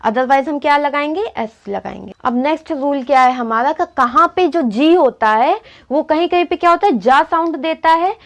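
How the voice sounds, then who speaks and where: A woman's voice: sits high, animated, normal speed, hardly any pauses, a bit bright. A young woman teaching spelling rules in a lesson, often asking a question and then answering it herself. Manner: asks and answers her own questions. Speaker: English teacher. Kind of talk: classroom-style spelling lesson.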